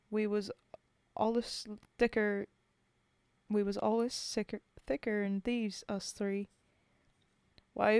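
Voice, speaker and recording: A woman with a medium-pitched, dark-toned, natural voice reads poetry as a rough, common male WWI soldier grieving a fallen comrade, speaking in folksy working-class dialect. There's no echo.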